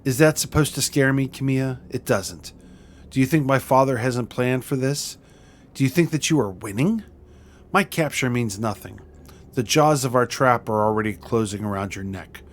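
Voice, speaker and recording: A man's voice: mid-range voice, moderate pace, slight background noise, natural voice. A man voicing a captured villainous noblewoman in a video game, haughty and defiant, sputtering grandiose threats. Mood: indignant, menacing.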